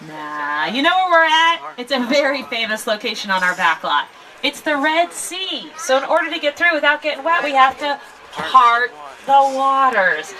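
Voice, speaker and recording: Woman tour guide over an outdoor loudspeaker. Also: high voice, sing-song, normal speed. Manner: upbeat, playful, addresses the riders as folks. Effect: heard through an outdoor tram loudspeaker. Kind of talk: scripted tour narration. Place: open-air studio tour tram. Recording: distant outdoor loudspeaker with crowd and vehicle noise.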